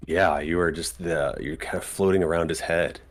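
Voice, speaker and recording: Very deep, gravelly dungeon master. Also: male voice, steady tone, moderate pace. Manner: hesitant, many ums, laughs often. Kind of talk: narrating a tabletop game.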